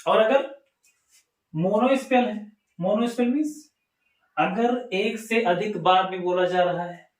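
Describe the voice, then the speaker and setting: A man with an Indian accent and a high voice teaches an English lesson to a class, speaking slowly with frequent pauses. He asks questions and answers them himself, and the recording sounds like an echoey room.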